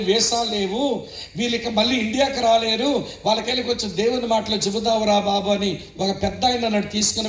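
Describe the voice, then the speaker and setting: High-voiced man preaching, echoey hall. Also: fairly bright tone. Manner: emphatic storytelling preacher. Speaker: pastor. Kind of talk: testimony sermon. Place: church meeting stage. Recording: roomy echoing hall.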